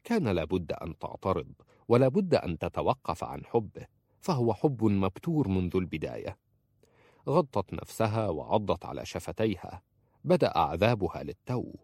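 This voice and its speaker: A man narrating a romance novel as an audiobook in a dramatic, expressive way. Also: deep voice, dry recording, studio quality.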